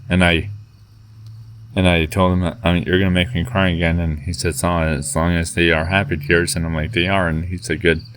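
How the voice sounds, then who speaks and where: A man telling a personal story in a halting way, with many fillers and restarts, reading out old chat messages. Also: deep voice, a bit bright, a little hiss or hum.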